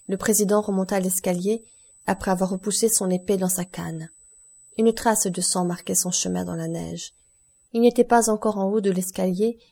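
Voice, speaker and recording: A woman narrates a classic novel with a measured, expressive delivery. Her voice sits at a middling pitch with a warm, mellow tone. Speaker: audiobook narrator.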